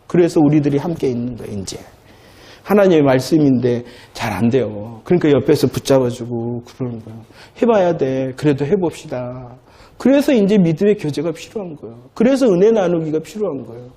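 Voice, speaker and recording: A man preaching as a pastor in a church, talking conversationally, then repeating phrases loudly for emphasis. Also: a little high, big pitch swings, quick pace. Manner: conversational preaching, swings from soft asides to loud emphatic repetition. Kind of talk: sermon.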